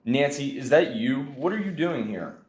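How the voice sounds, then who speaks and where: Reading from a storybook, a man gives voice to a frightened young orphan boy, pitching himself above his natural register while staying close to an everyday tone. The mid-range delivery is expressive, a little mellow, moderately paced and pleading, captured with a roomy echo.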